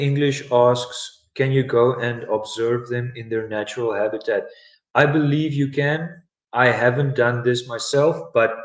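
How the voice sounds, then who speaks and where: A South African man gives a live online English lesson in a slow, unhurried way. He pauses often with ums and uhs. His voice carries a noticeable echo from the room. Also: medium pitch. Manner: relaxed, with many ums and uhs. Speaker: English teacher.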